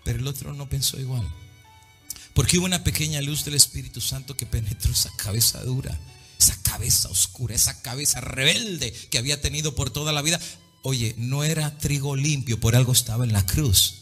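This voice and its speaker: A man preaching a dramatic sermon, swinging between loud and hushed, slipping into English now and then. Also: mid-range voice, brisk, husky, faint music behind.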